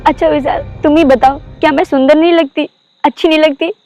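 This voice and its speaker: A woman's voice: high voice, fairly even intonation, a little fast, a little mellow, echoey room, soft background music. A woman playing a lonely young wife who pleads for her husband's attention. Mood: hurt. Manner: pleading, sulky.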